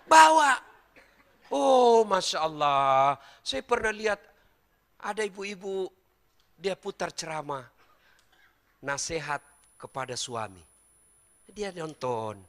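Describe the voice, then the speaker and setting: A man's voice: high voice, big pitch swings, slow pace, pauses often, fairly bright tone. A middle-aged man, giving a humorous sermon to a live crowd and joking straight at his listeners. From Indonesia. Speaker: preacher.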